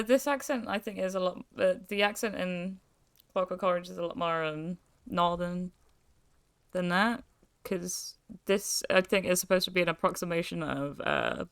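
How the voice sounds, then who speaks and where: A young British woman streaming a game, chatting casually and reading out her character's lines, with plenty of pauses and fillers. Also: on the low side, vocal fry, no room sound, studio quality. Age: young adult. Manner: chatty, reads player lines aloud, hesitant with fillers.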